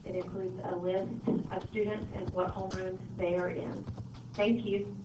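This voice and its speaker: A woman's voice over a school intercom, heard through a ceiling speaker from across the room, with a roomy echo and a dull, muffled tone. She reads a list of names in a formal, even announcing manner, with a steady hiss underneath. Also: medium pitch, moderate pace, distant mic. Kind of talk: public address announcement. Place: classroom hearing the school PA.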